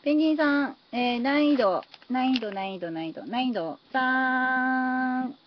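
A woman with a high-pitched voice talks in an unhurried way while building on a live stream from her phone, casually thanking viewers for their comments. The stream audio is slightly dull, with some faint noise.

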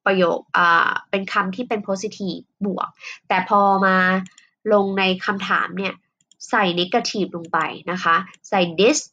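A woman teaching an English listening lesson, explaining in her own language and reading English examples slowly and carefully. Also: mid-range voice, bright, forceful tone. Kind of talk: recorded online lesson. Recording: dull lo-fi recording with faint noise.

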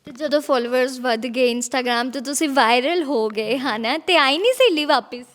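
A woman with a high, light voice who interviews a guest. She keeps the talk casual, pressing him with questions and teasing him a little. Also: normal speed, a bit bright, in a large hall.

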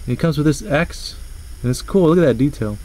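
A man's voice: a little high, expressive, brisk, darkish tone, low-quality recording. A man doing a casual toy review, rambling loosely, tripping over words and swearing offhand.

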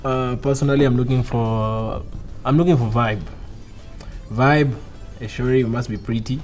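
Mellow hesitant young Kenyan man. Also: medium pitch, steady tone, a little slow, soft background music. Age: 20s. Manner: hesitant, filler-heavy. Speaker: dating show contestant. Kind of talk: casual answers.

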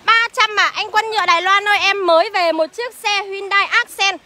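A young woman livestreaming from a used car lot, briskly reading out car prices and greeting viewers by name, recorded on a phone as she walks. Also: very high-pitched, pushed and bright, a little hiss or hum. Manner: brisk sales patter, reels off prices and addresses viewers as "anh".

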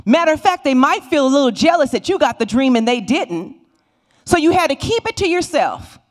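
A middle-aged woman teaching a Bible lesson in a church sanctuary, speaking into a handheld microphone and retelling the stories with lively voices for the figures. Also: sits high, brisk. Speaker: Sunday school teacher.

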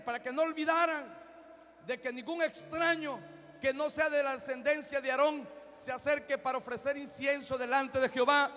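A man preaching a sermon as pastor, reading scripture and breaking into shouted exhortations. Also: very high voice. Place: church. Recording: hall reverb with faint music.

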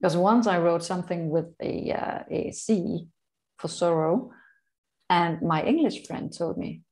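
A woman's voice: lowish voice, unhurried, darkish tone. A woman co-hosting a casual podcast chat, rambling and laughing as she corrects her own words. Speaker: co-host.

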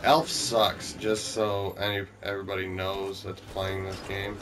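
A man's voice: sits low, little pitch movement, a little slow. A man joining a casual co-op gameplay session, dry and self-mocking, exclaiming when frustrated. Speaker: co-op gaming guest.

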